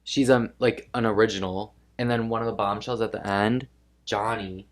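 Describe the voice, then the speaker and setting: A woman chatting casually as a podcast guest, animated and gossipy with quick asides. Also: extremely low pitch. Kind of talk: casual chat.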